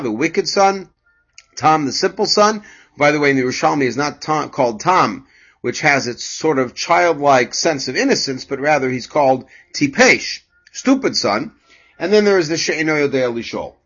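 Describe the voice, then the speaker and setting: A man teaching a measured lecture on a religious text, explaining passages and reading Hebrew aloud. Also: fairly high pitch, fairly bright tone, slightly rough, muffled recording. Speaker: Torah teacher.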